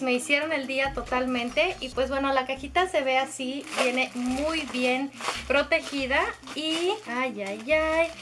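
A young woman vlogger chatting excitedly as she unboxes makeup, gushing and squealing with delight. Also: high-pitched. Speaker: beauty vlogger.

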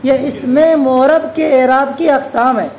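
A woman teaching a classroom grammar lesson, constantly posing quick questions to her students and answering them herself. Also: high voice, darkish tone, a little hiss or hum, rough recording. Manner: addresses students as "beta". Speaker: religious teacher.

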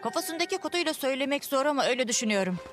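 A woman dubbing a clever, brisk young girl agent in a kids' show. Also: sits high, animated. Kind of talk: dubbed kids' show acting. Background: music.

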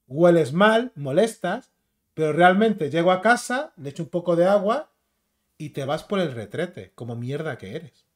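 A man's voice: on the high side, expressive, normal speed. Man ranting angrily in Spain Spanish. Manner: combative, mocking and insulting. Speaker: YouTube commentator. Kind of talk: ranting commentary video.

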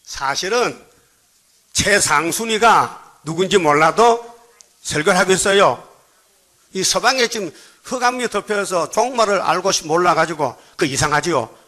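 Male pastor, Gyeongsang dialect, emphatic sermon delivery, bright and fairly high voice. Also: animated. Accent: Gyeongsang Korean dialect. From Gyeongsang Province, Korea. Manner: emphatic, fires rhetorical questions at the congregation; slow, measured cadence when reading scripture. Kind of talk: sermon with scripture reading.

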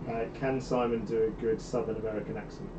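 A hesitant man with a low voice, picked up from far off in an echoey room. The sound is muffled, with a clear air-conditioning hum behind him. He reads viewers' questions on a live stream. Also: flat delivery, fast. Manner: hesitant, filler-heavy. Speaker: question reader.

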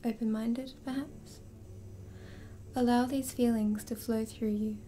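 A woman hypnotist leading a slow, soothing induction, drifting in and out of a whisper. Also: a little high, steady tone, mellow, a little hiss or hum.

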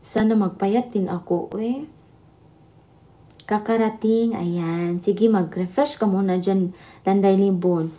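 Woman, livestream host, chatty and laughing, mellow tone. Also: mid-range voice, fairly even intonation, slow pace. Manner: chatty, laughing, switching between Tagalog and Visayan. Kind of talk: casual live chat with viewers.

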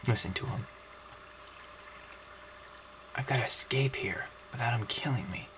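A woman's voice: rumbling low, a little fast. A woman whispering through a let's-play commentary, her whisper scratchy, with frustrated outbursts and mild cursing. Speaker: gaming video creator.

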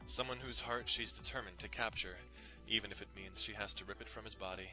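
A young man gives a dramatic reading of a visual novel over background music, narrating and throwing in casual, irreverent asides. His voice is on the low side and steady, and he speaks fairly quickly.

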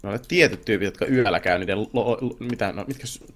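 A man playing a video game with a friend, reacting excitably in casual chat and tossing in English words. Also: fairly low pitch. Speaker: gamer co-host. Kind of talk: casual let's-play chat.

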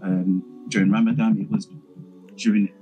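A man's voice: on the low side, level tone, moderate pace, mellow, soft background music, rough recording. A man with a London accent telling his personal story in a hesitant way, often repeating words as he thinks. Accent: London English. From England. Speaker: interviewee, local councillor. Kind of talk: casual personal account.

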